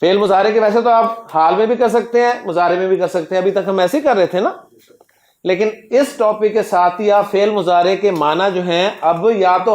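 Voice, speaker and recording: A man teaching Arabic grammar in a classroom lecture. He drills word forms slowly and keeps quizzing his students. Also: high voice, darkish tone. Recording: echoey classroom recording.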